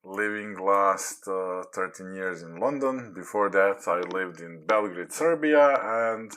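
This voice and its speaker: A man in his forties from Croatia, chatting casually as a podcast guest in halting English with many fillers. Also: deep voice, lively intonation, a bit bright. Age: 40s. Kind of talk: casual chat.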